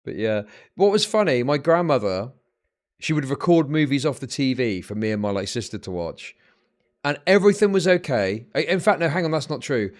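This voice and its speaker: A man's voice: mid-range voice, very animated, fairly quick. A man hosting a livestream, telling rambling, profane stories in casual chat that build into exasperated rants. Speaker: livestream host.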